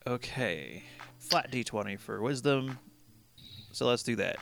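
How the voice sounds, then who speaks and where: Relaxed man running a tabletop game. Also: medium pitch, a little slow, vocal fry, soft background music. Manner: relaxed, chatty narration with many fillers. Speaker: dungeon master.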